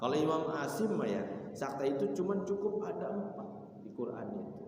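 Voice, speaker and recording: A man leads a casual tajwid lesson in a large mosque, mixing plain explanations, slow chanted verses and frequent chuckles. His voice is soft and dark in tone. The sound is caught from a distance, with a long hall reverb and a faint hum behind it. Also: a little high, big pitch swings. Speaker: Quran recitation teacher. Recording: echoey mosque hall from afar.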